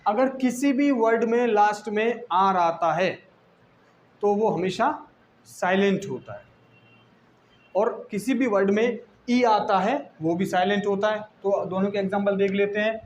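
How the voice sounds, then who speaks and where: A man with an Indian accent teaches a classroom English lesson in a fairly high voice. He spells words out letter by letter and asks questions that he then answers himself. A faint hiss sits under the recording. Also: a little slow, rough recording.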